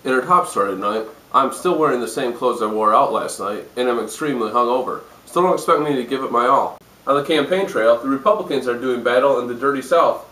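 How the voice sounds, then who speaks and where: A roomy, distant recording of a man acting as a jaded parody news anchor. He is hungover and sardonic, reading the news deadpan in a mid-pitched voice. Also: close to an everyday voice. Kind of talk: parody newscast. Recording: roomy echo, distant microphone.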